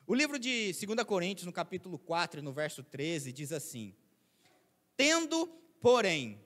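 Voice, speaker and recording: A man's voice: fairly high pitch, brisk, bright, forceful tone. A man preaching as a pastor, talking to his church in a conversational way full of rhetorical questions. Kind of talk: sermon. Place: church hall. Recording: reverberant church hall.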